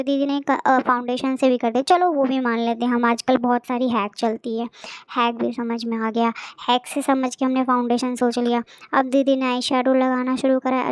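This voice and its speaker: Brief: young woman vlogger, mocking running commentary, high even voice, dry close sound. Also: clean tone, dry recording. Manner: sarcastic, exasperated storytelling. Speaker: beauty vlogger. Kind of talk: comic voice-over commentary.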